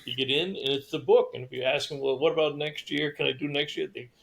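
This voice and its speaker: Gravelly man telling an anecdote. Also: a little high, fast, rough recording. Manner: anecdotal, stammers at starts. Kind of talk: casual interview chat.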